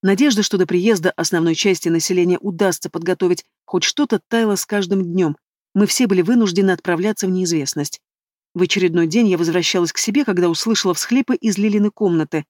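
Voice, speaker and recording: A woman reading a first-person novel aloud as narrator, in steady, even storytelling. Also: lowish voice, quick pace, no room sound. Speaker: audiobook narrator. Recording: dry close studio sound.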